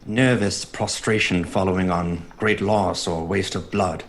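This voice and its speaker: An actor playing a sceptical, fearful doctor in a gothic audio drama, speaking in an earnest, dramatic way. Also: male voice, low voice, fairly even intonation, unhurried, a little hiss or hum. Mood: sceptical, uneasy. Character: haunted male doctor, sceptical and fearful, recounting horrors. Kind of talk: gothic audio drama diary narration and dialogue. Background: music.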